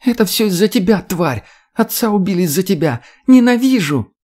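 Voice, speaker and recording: A man's voice: high voice, lively intonation, normal speed, darkish tone, pitched above the performer's own voice. Man doing a screaming furious young woman. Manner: screaming, spiteful.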